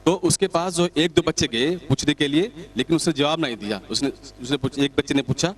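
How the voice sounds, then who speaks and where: A male comedian telling a comic story in a chatty, lively way with asides to the audience. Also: on the high side, fairly quick.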